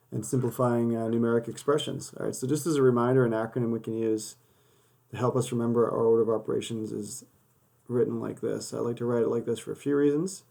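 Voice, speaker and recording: With a camera over the desk capturing his hands and paper, a man gives a casual, step-by-step worked-example math lesson as his voice gives out. He speaks at medium pitch, sounding gravelly and dark.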